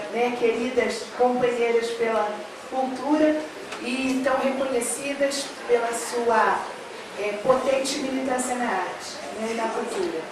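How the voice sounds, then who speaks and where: A middle-aged education official from Rio de Janeiro, Brazil, speaks on a panel in a large hall at a public forum. Her Carioca Portuguese accent is mixed with São Paulo, her voice fairly high, and her speech earnest and full of fillers, growing more emphatic as she goes. The recording is echoey, with background noise and her far from the mic.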